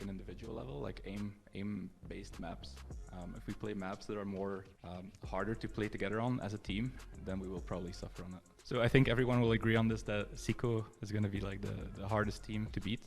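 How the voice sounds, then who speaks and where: A man in his thirties from Belgium, an esports player giving an interview, measured with "uh" and "um" fillers. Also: lowish voice, gravelly, soft background music. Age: 30s. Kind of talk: casual interview.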